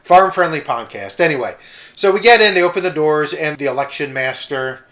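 A man's voice: fairly high pitch, animated, brisk, fairly bright tone. A young man co-hosting a casual comedy podcast, rambling and joking, often swearing and mimicking people he tells about. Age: young adult. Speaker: podcast co-host.

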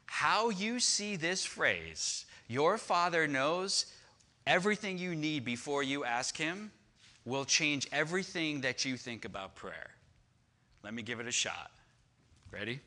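A man's voice: on the high side, lively intonation, a little slow, sharp tone. A man preaching a sermon on prayer, emphatic and repetitive, building to fervent crescendos. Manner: emphatic, repeats phrases, rising to fervent crescendos. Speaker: pastor.

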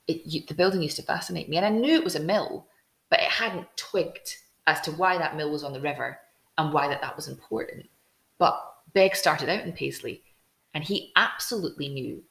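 A woman's voice: deep voice, vocal fry, fairly bright tone, roomy sound. A woman from Glasgow with a Scottish accent, hosting a casual chat and telling stories with enthusiasm, often restarting her sentences. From Scotland. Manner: enthusiastic, storytelling, with frequent restarts.

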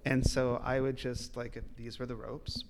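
Background noise accompanies this mid-range male voice, which moves little in pitch and keeps a normal speed. The speaker, a liquor retailer guesting on a casual podcast, tells rambling tales, laughing frequently and swearing.

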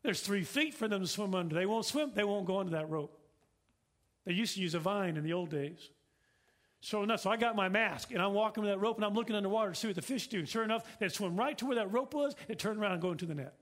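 A man with a notably high voice delivers a sermon from the pulpit. He speaks earnestly, circling back to his points and posing questions to the room. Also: lively intonation, quick pace, fairly bright tone. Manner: earnest, repetitive preaching with rhetorical questions. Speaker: pastor.

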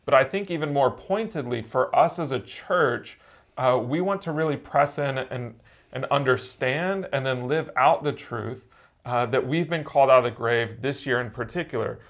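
A man who is a church elder, preaching in a relaxed, conversational way and telling a story with frequent "uh"s. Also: mid-range voice, moderate pace.

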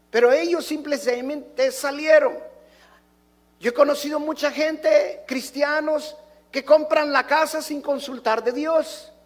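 Male pastor preaching, really high voice, keeps asking the church questions n hammering the point. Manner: emphatic preaching with repeated rhetorical questions; addresses the congregation directly. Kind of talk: sermon.

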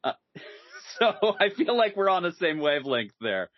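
A man hosting a podcast in casual chat, animated and hesitant with many fillers, laughing easily. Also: fairly high pitch, measured pace, dry recording. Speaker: podcast host. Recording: dull lo-fi sound, dry.

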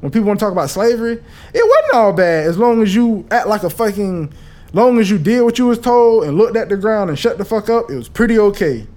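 A man hosting a podcast, talking in a casual, profane and animated monologue. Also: high-pitched, fairly quick. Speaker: podcast host.

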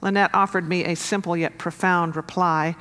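A woman pastor delivering a sermon in a measured, earnest way, building to emphatic rises. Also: lowish voice, fairly even intonation, fairly bright tone. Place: church sanctuary. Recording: long reverb of a church hall.

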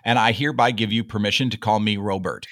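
A man's voice: on the low side, fairly even intonation, fast, a bit bright, dry recording, studio quality. A man hosting a business podcast, reading a scripted intro and then chatting in a joking, self-deprecating way over a video call from an office. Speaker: podcast host and company founder. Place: office headquarters.

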